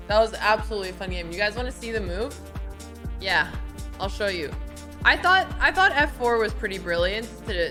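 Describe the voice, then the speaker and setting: Woman, mid-pitched voice, casual chess stream, self-questioning, faint music behind. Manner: thinking aloud, questioning her own moves. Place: home room with windows.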